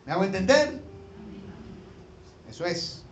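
Animated high-voiced preacher. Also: male voice, slow, muffled recording, a little hiss or hum. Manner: animated preaching, rising to loud emphatic peaks, asks the congregation questions. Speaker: pastor. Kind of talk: sermon.

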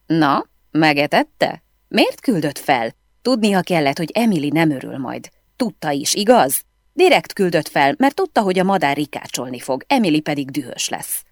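Storybook role: sly middle-aged housekeeper, read by a woman, low voice that jumps up and down. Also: sing-song, no echo, studio quality. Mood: defensive. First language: Spanish. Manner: defensive, laughing, teasing. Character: middle-aged female housekeeper, wry, teasing.

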